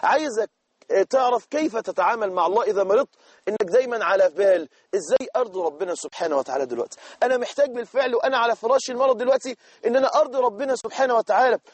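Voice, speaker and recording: Fast, husky Egyptian preacher. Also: male voice, extremely high pitch, dry recording. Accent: Egyptian Arabic. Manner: earnest, exhorting, addresses listener directly. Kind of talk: sermon.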